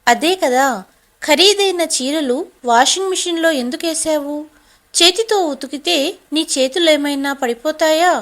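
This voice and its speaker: A woman voicing an angry, bossy young wife who scolds and shouts in a storybook drama. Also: high-pitched, moderate pace. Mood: angry scolding.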